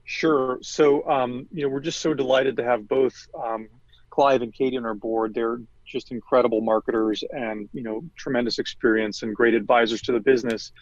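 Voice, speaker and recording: A man talks through a business interview, pausing often on fillers and restarting his sentences. His voice has a middle pitch. The audio sounds dull and muffled, and the room is dry. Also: fairly even intonation, dry recording. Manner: hesitant, many fillers and restarts. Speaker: guest, marketing executive. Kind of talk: conversational interview.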